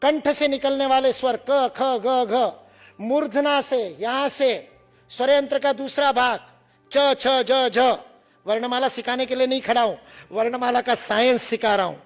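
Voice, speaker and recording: A man's voice: extremely high pitch, a little slow. A man from India lecturing to students, demonstrating sounds and teasing the audience with humor.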